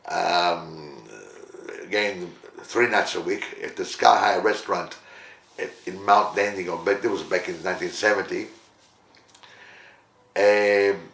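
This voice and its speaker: An older man from Italy recounts his musical past in an interview. His deep, low voice wanders from one memory to the next, full of pauses and fillers. The sound carries the echo of a roomy space. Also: fairly bright tone. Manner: rambling, halting storyteller with many fillers. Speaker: musician guest. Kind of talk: interview storytelling.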